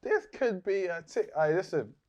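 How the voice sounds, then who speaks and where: An easygoing man hosts a casual interview and jumps in eagerly on his guest's ideas. His voice sits fairly high. It rises and falls in a lively way. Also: moderate pace, lo-fi sound, a crowd in the background. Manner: easygoing, upbeat, eager to join in. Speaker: host.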